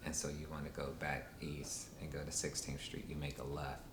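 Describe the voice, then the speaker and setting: This is a Washington, D.C. man in his thirties being interviewed, his extremely low voice staying flat throughout. He takes his time, stumbling along with frequent ums and uhs. The room sounds large, and a steady low hum runs underneath.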